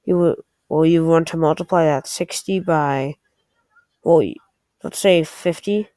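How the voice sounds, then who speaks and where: This game walkthrough comes from a woman with a low, warm voice who speaks a little slowly, musing aloud with slight hesitancy. It's casual screen-recorded commentary with clean studio sound and no room tone.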